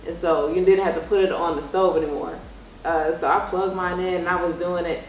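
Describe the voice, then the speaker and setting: A young woman hosting a vlog interviews her mother, telling stories in a chatty, casual way and acting out the dialogue. Her voice is fairly low and fairly quick, with fairly even intonation. The recording has a roomy echo and background noise.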